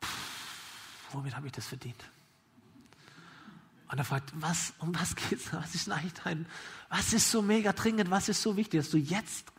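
A man voicing a tired, grumpy father woken at night, talking low and hushed in a grumble. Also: normal speed, pauses often, a little hiss or hum, lightly acted.

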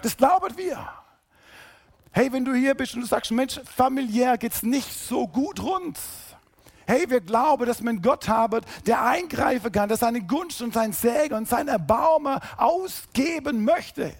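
A man preaching a sermon, emphatic, rising to loud calls and then dropping low and quiet. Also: lively intonation, moderate pace, husky. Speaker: pastor.

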